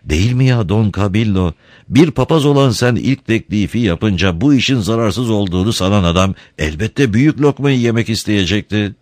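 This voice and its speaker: A man voicing Christ as a patient, gently ironic divine speaker. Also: fairly low pitch, lively intonation, normal speed, no room sound, clean studio sound, voice pushed up, lightly acted. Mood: calm.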